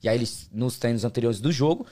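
A man's voice: mid-range voice, fast talker, mellow. A man with a Brazilian Portuguese accent, explaining American football in slangy, casual interview talk as a player and guest. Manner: slangy, colloquial, explains with examples.

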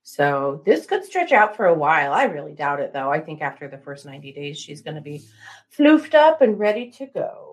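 Woman co-host, lively intonation, jokey, a little sleepy. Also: deep voice, normal speed. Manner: playful, jokey, drowsy from just waking. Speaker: livestream co-host. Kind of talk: casual livestream chat.

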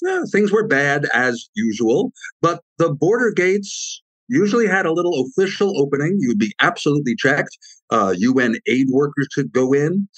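A man giving long, measured answers as an expert guest, adding frequent asides as he explains. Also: on the high side, a bit bright, no echo, rough recording.

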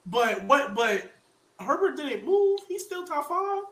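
Male sports debater, bright forceful high voice, slangy and argumentative, roomy recording. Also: big pitch swings, slow pace. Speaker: sports show panelist. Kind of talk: casual heated sports debate. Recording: roomy, echoing sound.

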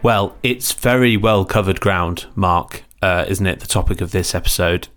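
Chatty man, lowish voice. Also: moderate pace, loud music behind the voice. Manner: chatty, upbeat, addresses listeners. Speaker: podcast host. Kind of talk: casual chat.

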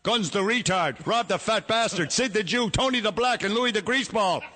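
A man's voice: high voice, normal speed, pushed and bright. A man voicing a crude, irreverent older male cardinal with a brogue, in a mock-pious comedy radio bit full of insults.

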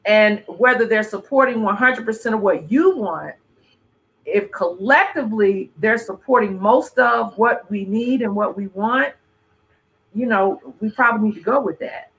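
A host with a mid-pitched voice speaks in a measured, explanatory way during a casual conversation. The pace is steady and unhurried. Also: poor audio.

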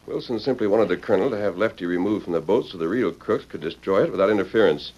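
An American man playing a heroic, commanding masked lawman of the Old West in brisk, authoritative radio western style. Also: sits low, a little mellow. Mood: firm, resolute. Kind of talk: 1940s-50s radio western acting. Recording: dull vintage radio recording.

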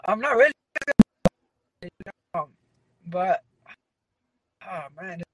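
A man's voice: high voice, animated, extremely slow, background noise. A young male boxer talking casually from a car, over a cell phone connection that keeps breaking up, with lots of "you know". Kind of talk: casual interview answers. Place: in a car leaving the gym.

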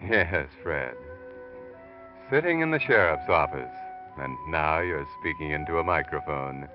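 A man's voice: a bass voice, lively intonation, music in the background. A man with an American accent playing a sardonic, all-knowing narrator who taunts a criminal, theatrically, in 1940s radio style. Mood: sardonic, gloating. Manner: mocking, deliberate, theatrical. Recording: dull vintage radio recording.

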